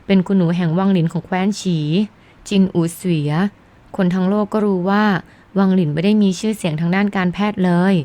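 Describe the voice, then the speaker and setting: A woman's voice: medium pitch, steady tone, a little fast, dark tone, close to an everyday voice. A woman reading the part of a scornful male court physician in an audiobook. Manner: scornful, suspicious.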